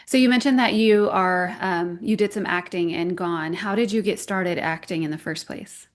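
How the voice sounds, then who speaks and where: A woman's voice: lowish voice, moderate pace. A woman interviewing casually, with an encouraging, affirming way of talking. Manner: encouraging, frequent affirming responses.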